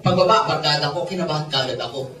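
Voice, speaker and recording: A man in his forties with a Filipino accent, a network marketing mentor telling stories to a seminar audience, animated and joking with the crowd. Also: fairly high pitch, fast talker, a little hiss or hum. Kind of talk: Taglish seminar storytelling. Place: seminar hall with a large audience. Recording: echoey hall, distant mic, loud crowd.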